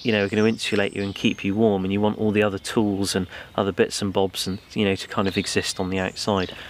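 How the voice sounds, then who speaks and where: Low-voiced man rambling about outdoor gear. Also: a little hiss or hum. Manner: relaxed, rambling, many ums and you knows. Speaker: bushcraft channel host. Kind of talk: casual gear review. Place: outdoors in a green forest.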